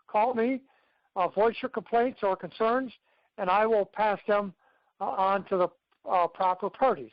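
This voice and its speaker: A man with a high voice, recorded dry, acts as a success coach giving his team an instructive motivational training talk on a conference call. He often checks in with "okay," and the audio is dull, lo-fi conference call quality.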